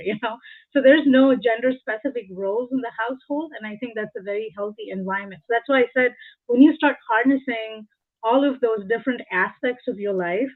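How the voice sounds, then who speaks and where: Woman in her forties, interview guest, slightly high voice, thin phone-like sound. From India. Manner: earnest, explains through personal examples. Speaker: guest, engineering leader. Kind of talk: reflective interview talk. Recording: tinny phone-like call audio.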